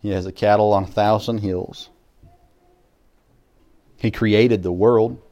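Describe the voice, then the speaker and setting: A man preaching a sermon as a pastor, earnest, with restarts, swinging between loud emphasis and quiet asides. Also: fairly low pitch, fairly even intonation, slow pace, dull audio.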